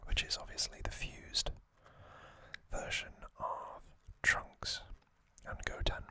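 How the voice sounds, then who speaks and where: A man whispers slowly and deliberately, speaking in short, breathy, hushed phrases as an ASMR host narrating trivia.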